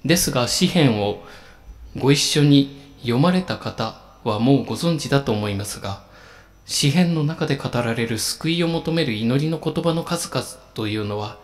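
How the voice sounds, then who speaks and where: Solemn, measured male preacher. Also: mid-range voice, lively intonation. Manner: slow, solemn, measured delivery with emphatic pauses. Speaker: pastor. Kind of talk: sermon.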